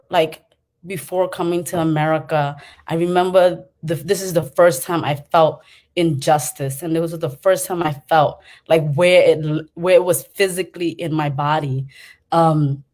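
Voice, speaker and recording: Passionate middle-aged woman, low voice. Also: darkish tone. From Cambodia. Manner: passionate, circling with fillers and restarts. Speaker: panelist. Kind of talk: personal storytelling on a panel.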